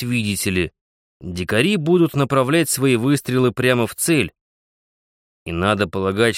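A man's voice: mid-range voice, no room sound, studio quality, close to an everyday voice. A man voicing a shrewd, cautious old trapper who explains his plans at length in an audiobook.

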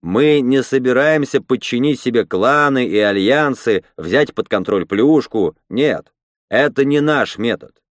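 A man reading a story, voicing a male leader who gives a deliberate, measured speech. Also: medium pitch, animated, dry recording, clean studio sound, natural voice. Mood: grave. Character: male rebel leader Roman, grave measured orator.

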